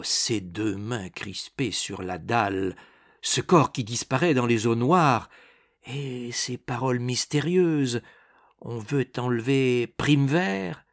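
A man reading an audiobook, voicing a brave, brash young knight with a bold, defiant manner. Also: medium pitch. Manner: anxious, then brashly defiant.

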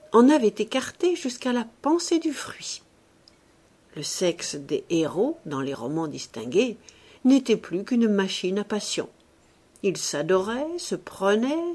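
A woman reading a novel aloud in a measured, expressive narration. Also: fairly low pitch, slightly rough. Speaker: audiobook reader. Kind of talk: scripted literary narration.

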